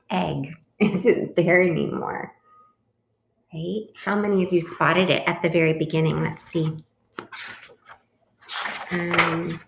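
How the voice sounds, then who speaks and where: A woman reading a picture book aloud to children as a teacher, gently stopping to ask them questions. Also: on the low side, creaky. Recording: roomy echo.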